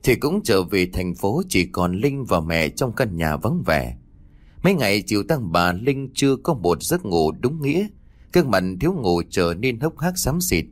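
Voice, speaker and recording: Low-voiced man narrating a ghost story. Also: very animated, normal speed. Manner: dramatic storytelling. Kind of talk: scripted horror story narration.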